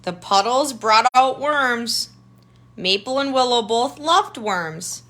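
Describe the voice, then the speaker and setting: Taking it slowly, a tutor reads a picture book to children in a slightly high, expressive voice with a fairly bright tone. She adds simple explanations and calls attention to things through easy questions and comments.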